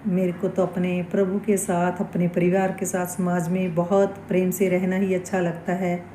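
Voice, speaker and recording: A woman giving a slow, earnest devotional talk as a vlogger, reflecting aloud on forgiveness and faith. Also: on the low side, little pitch movement, dark tone, echoey room, a little hiss or hum, rough recording. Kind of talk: casual spiritual talk.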